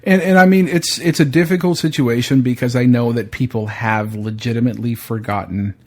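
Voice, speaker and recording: A man's voice: medium pitch, fairly even intonation, a little fast. A man hosting a podcast, chatting in a blunt, opinionated way, swearing freely and often restarting his sentences. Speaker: podcast host. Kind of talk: casual chat.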